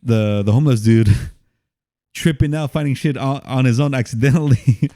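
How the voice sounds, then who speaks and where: A man's voice: medium pitch, normal speed, mellow, no echo, clean studio sound. A man co-hosting a casual movie podcast, laughing often, swearing and animatedly retelling scenes. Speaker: podcast co-host.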